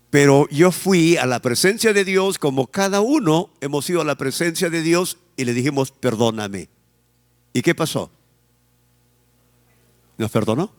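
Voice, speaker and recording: A Peruvian pastor preaches with a high, lively voice that leaps up and down as he presses each point. He talks slowly and stretches his words. The sound rings with long reverb from a church hall. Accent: Peruvian Spanish. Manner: emphatic preaching, drawn-out phrases, asks the congregation to repeat. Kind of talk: sermon.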